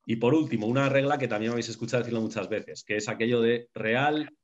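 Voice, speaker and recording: A man's voice: medium pitch, fast. Man, lecturing a group, emphatic, repeats himself, keeps checking in, muffled lo-fi audio. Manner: emphatic, repeats key phrases, checks in with "¿vale?". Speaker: lecturer on the unconscious. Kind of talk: teaching talk to a group. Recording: dull lo-fi recording.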